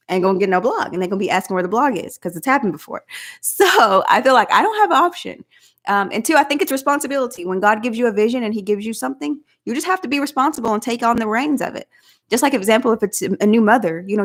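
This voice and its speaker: A woman's voice: on the high side, lively intonation, fast talker. Chatty woman with a country drawl. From Southeast Oklahoma. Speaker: vlog host. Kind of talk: casual live chat.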